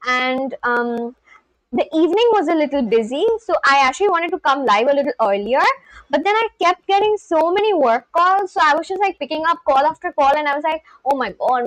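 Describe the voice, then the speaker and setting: Her pitch sits high and a bit bright as she chats on her live stream, reading comments from viewers and peppering her speech with "like" and laughter. She is a woman in her twenties with an Indian English accent, heard on a rough recording with no room sound.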